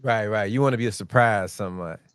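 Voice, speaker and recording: A man's voice: lowish voice, fast, clean tone, dry recording. A man hosting a casual wrestling podcast, laughing often and passing questions to his co-hosts. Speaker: podcast host.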